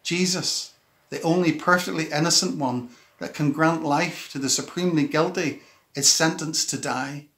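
Male minister, slightly high voice, measured solemn scripture reading for a devotional. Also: fairly bright tone. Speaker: church minister.

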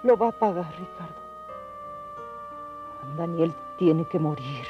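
A woman's voice: deep voice, animated, measured pace, muffled recording, over music. Desperate dying mother. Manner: pleading, desperate. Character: grieving dying mother obsessed with revenge.

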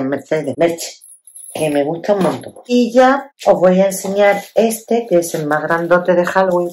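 A woman's voice: deep voice, darkish tone. A woman from Spain chatting casually as she unboxes craft gifts on her scrapbooking channel, exclaiming often and checking in with her viewers. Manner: chatty, exclaiming, lots of tag questions.

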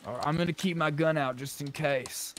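This player talks in character during a zombie survival roleplay game, his fairly high voice coming through a noisy voice chat mic. He speaks casually and fairly quickly.

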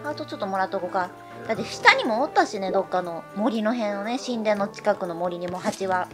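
Excitable Kansai woman narrating gameplay. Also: a little high. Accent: Kansai Japanese. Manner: excitable, narrates her own moves with exclamations and repeated words. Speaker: let's-play streamer. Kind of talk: live gameplay commentary. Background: game music.

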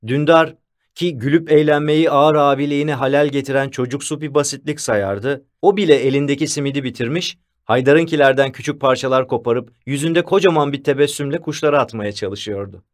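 Casting: a man with a mid-pitched voice, reading a first-person audiobook in an even storytelling way. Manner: measured storytelling. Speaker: audiobook narrator. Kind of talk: scripted first-person narration.

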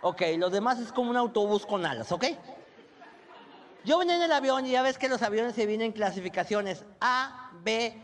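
A young adult man with a Mexican accent telling a crude, animated stand-up story. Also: high voice, normal speed, a faint crowd. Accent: Mexican Spanish. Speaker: stand-up comedian. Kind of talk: stand-up comedy monologue.

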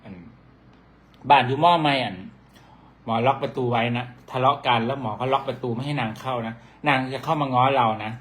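A man's voice: medium pitch, steady tone, fairly quick, fairly bright tone. A man with an Isan Thai accent, a doctor, chatting casually and bickering back with his partner. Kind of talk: casual couple chat.

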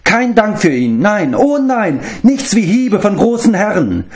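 A man's voice: high voice, very animated, measured pace, voice pushed up, heavily acted. A man reading an audiobook, voicing a servile, self-pitying male beast-man who whines and speaks of himself in the third person. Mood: whining.

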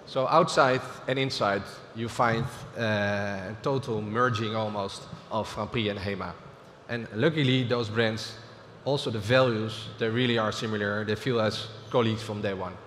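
A middle-aged man with a Dutch accent delivers a business keynote from a large stage, pausing often with fillers and restarting phrases. His voice carries long reverb through a big hall, with a faint murmur of ambience underneath. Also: lowish voice, steady tone, fairly bright tone, a little hiss or hum. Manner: halting, with frequent fillers and restarts. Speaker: keynote speaker.

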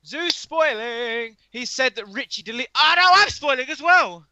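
A man in casual livestream banter, goofy and excitable. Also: very high voice, normal speed.

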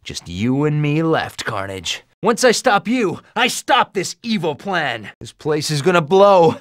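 A man voicing a cocky, upbeat young superhero in a video game, with an American accent and a quippy, animated way of talking. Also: fairly high pitch, unhurried, no room sound, clean studio sound. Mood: determined, defiant. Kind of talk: video game voice acting, quips and hints.

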